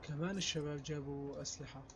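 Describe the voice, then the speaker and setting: A man's voice: on the high side, fairly even intonation, racing, very noisy. A man commentating casually on a video game as he plays, reacting aloud to what happens. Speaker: gameplay commentator.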